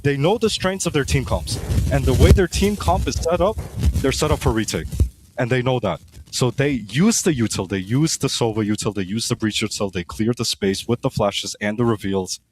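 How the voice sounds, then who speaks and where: A man's voice: medium pitch, normal speed, darkish tone, slight background noise. A man giving esports color commentary, fluent and full of enthusiastic praise for the players. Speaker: esports caster.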